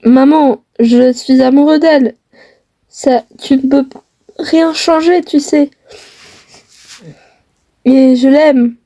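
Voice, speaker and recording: Brief: defiant young lover son, woman acting, earnest, stumbles on fillers, high pitch. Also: steady tone, slow, pauses often, dark tone. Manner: earnest, hesitant with many fillers. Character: young man in love, defiant toward his mother. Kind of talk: homemade family skit.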